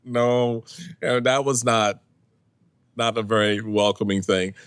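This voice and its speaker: A man in his sixties, a guest in a casual interview, telling lively stories and acting out what people said, laughing often. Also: on the low side, unhurried, smooth, no room sound. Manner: animated storyteller, acts out quotes, laughs often. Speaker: podcast guest, former party chairman.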